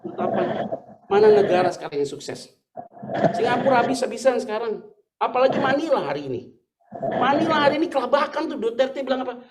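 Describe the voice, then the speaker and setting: A man's voice: very high-pitched, big pitch swings, quick pace, pauses often, over a noisy crowd. A middle-aged man preaching a sermon as pastor, telling stories in a casual, slangy way and laughing often.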